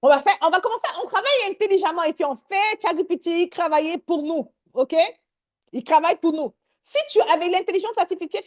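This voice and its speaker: A woman leading a live online workshop, energetic and sprinkling English words into her talk. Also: extremely high pitch, highs cut off.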